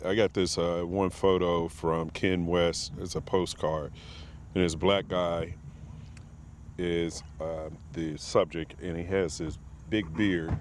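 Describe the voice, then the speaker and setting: A man with a very low, deep voice talks earnestly in a casual podcast interview, pausing often to gather his thoughts. Faint outdoor ambience with passing vehicles sits behind him. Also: a little hiss or hum. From Martinsville, Virginia, USA. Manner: reflective and earnest, with frequent pauses and fillers. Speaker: podcast guest. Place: outdoor expo grounds.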